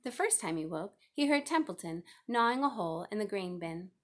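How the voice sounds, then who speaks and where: A woman's voice: mid-range voice, animated, fairly quick. A woman reading a children's novel aloud as scripted narration. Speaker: storybook reader.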